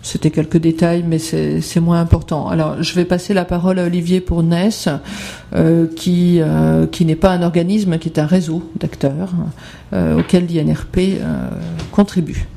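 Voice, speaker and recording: Creaky, dark-voiced hesitant presenter. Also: medium pitch, little pitch movement, normal speed. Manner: hesitant, many filler sounds. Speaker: conference presenter. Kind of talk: seminar presentation with slides.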